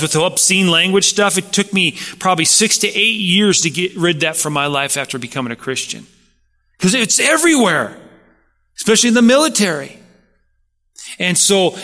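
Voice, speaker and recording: A man's voice: high-pitched, bright, forceful tone, big-room sound. A man preaching a sermon as pastor, talking conversationally and asking his listeners rhetorical questions.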